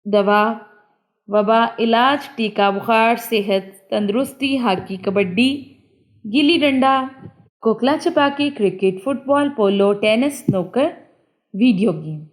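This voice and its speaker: Female teacher with a slightly high voice, doing a careful, clear textbook walkthrough. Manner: clear, deliberate, reading word lists aloud.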